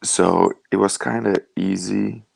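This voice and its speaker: A young man from Lithuania, a fighter telling his story over a video call in a relaxed, rambling way with lots of "like". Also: deep voice, slow pace, creaky, dry recording. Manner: relaxed storytelling, many "like" fillers. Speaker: guest, professional fighter.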